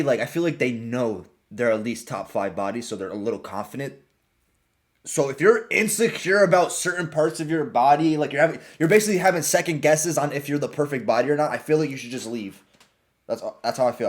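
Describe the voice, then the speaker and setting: A man talks through a reaction video in a loose, blunt way. His voice sits at an ordinary middle pitch. He leans on slang and swears freely. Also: expressive, fast. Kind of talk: casual reaction commentary.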